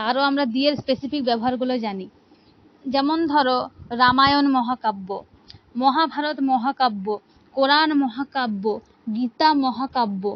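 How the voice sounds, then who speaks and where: This is a woman with a high voice teaching English grammar, patiently explaining and asking her students rhetorical questions. She keeps repeating "ঠিক আছে", and the audio is dull.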